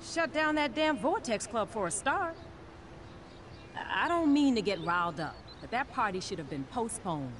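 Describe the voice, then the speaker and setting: A woman voicing an earnest, caring science teacher in a video game, speaking in a measured, explanatory way. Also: a little high, sing-song, fairly bright tone. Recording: game audio under a livestream, with background noise.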